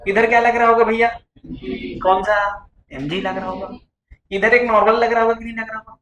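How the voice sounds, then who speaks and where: A man's voice: high-pitched, fairly even intonation, brisk, fairly bright tone, muffled recording. A male physics teacher lectures a class, coaxing them along and quizzing them over and over. His voice rings around a roomy classroom. A faint hum sits behind him. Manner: coaxing, keeps asking the class questions. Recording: echoey classroom with faint noise.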